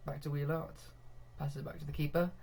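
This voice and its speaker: A young man commentating live on his own football management game, getting excitable when goals come and laughing at himself. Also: a little high, brisk, vocal fry, slightly rough. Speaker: gaming video host.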